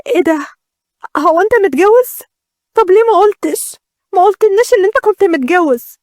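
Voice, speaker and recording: A woman's voice: very high voice, very fast, darkish tone, dry recording, studio quality, pitched above the performer's own voice. A woman with an Egyptian accent voicing a frightened young bride who pleads in a raised voice. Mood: shocked. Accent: Egyptian Arabic. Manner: pleading, fearful.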